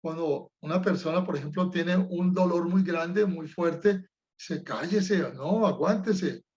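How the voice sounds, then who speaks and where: A man's voice: a little high, steady tone, a little slow, darkish tone, lo-fi sound. A man teaching personal prayer over a video call, reflecting aloud and acting out a blind man's cries for mercy. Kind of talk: teaching lesson on Lectio Divina.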